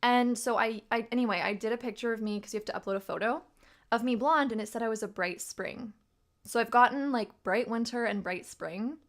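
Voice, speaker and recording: A young woman with a fairly high voice hosts a relaxed livestream. She chats in a loose, rambling way, greeting viewers and laughing often. Her voice sounds tired and slightly rough. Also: a little fast. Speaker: livestream host and tarot reader. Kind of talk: casual livestream chat.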